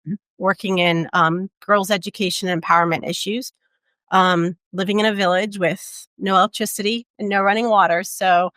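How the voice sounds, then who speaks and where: A woman in her forties, a travel advisor raised in Portugal, telling her career story in a relaxed interview with many "um"s and tag questions. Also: medium pitch, normal speed, dry recording. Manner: reflective, storytelling, frequent "um" and "right?". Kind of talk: conversational interview.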